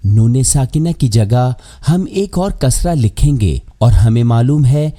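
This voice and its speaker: A man teaching Quran pronunciation rules in a measured, scripted lesson. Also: medium pitch, animated, warm tone.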